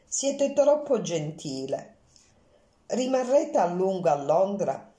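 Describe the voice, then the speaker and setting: A woman's voice: mid-range voice, very animated, takes it slowly, warm tone, roomy sound. A woman voicing a fussy, courteous Belgian male detective in an audiobook, speaking formally and precisely.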